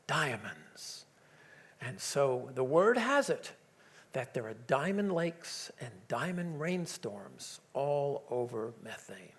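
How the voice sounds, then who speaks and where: A man's voice: medium pitch, vocal fry. Enthusiastic man giving a science talk. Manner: enthusiastic, joking, with many fillers. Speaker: lecturer.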